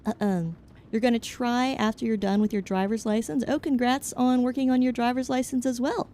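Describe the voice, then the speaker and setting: A woman's voice: fairly high pitch, steady tone, fairly quick, warm tone, a little hiss or hum. A young woman streaming as a VTuber, chatting casually with her chat in a rambling, frank, joking way that hops from topic to topic. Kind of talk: casual chat, answering chat while gaming.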